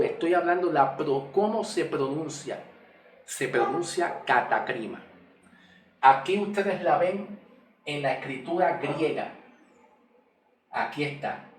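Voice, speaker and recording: A man teaching scripture slowly at a whiteboard, repeating and spelling out key words. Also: fairly high pitch, slight background noise. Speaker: Bible teacher. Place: room with a whiteboard. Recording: echoey room, mic far off.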